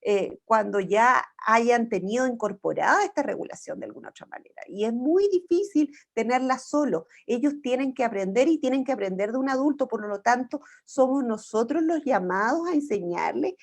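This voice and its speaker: Speaking at normal speed with lively intonation and few pauses, a woman from Chile delivers a parenting talk on a video call. She is a psychologist who lays things out step by step, often using rhetorical tag questions, in a fairly high-pitched voice.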